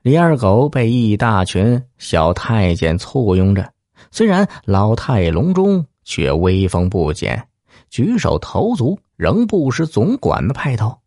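Man spinning a dramatic tale, slow unhurried delivery, lowish voice. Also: very animated, a little mellow, no room sound, clean studio sound. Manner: theatrical, with rhetorical questions and exclamations. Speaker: storyteller. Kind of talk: dramatic storytelling narration.

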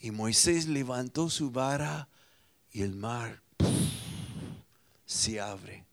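A man preaching a sermon, swinging dramatically between loud proclamations and hushed, near-whispered lines. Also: medium pitch, lively intonation, slow. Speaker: pastor.

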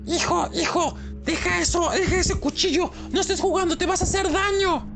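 A woman's voice: extremely high pitch, normal speed, fairly bright tone. Woman doing an exasperated, scolding mother. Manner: pleading, then scolding. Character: strict, exasperated mother losing her temper. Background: music.

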